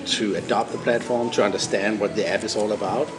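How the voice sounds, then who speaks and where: This business podcast guest, a founder and CEO from Denmark, talks a little fast in a lowish voice with fairly even intonation and a Danish accent. He explains points steadily, often restarting phrases, while music plays in the background of a noisy room.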